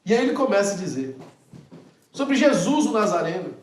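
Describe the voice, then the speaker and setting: Pastor preaching, high voice, lots of rhetorical questions, echoey and far from the mic. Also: male voice, normal speed. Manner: animated, rhetorical questions to the congregation. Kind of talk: sermon.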